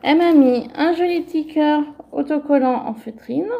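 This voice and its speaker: This vlogger has a high voice with some vocal fry, and she talks softly at a moderate pace while displaying the craft mail that arrived for her. She often fills gaps with small linking words, and the upper frequencies of the audio are clipped.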